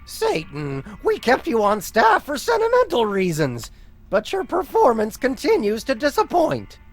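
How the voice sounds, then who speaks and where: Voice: mid-range voice, huge pitch swings, measured pace. An actor playing a whiny, petulant, grandiose young prince of hell in a video game, melodramatic in delivery. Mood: pompous, businesslike. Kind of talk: video game character acting. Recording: music behind the voice.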